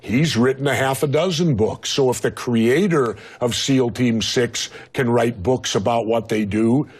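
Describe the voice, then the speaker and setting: A man's voice: medium pitch, a little slow, darkish tone, breathy edge. A man speaking as a guest in a heated interview, blunt and argumentative, pushing back and talking over the host.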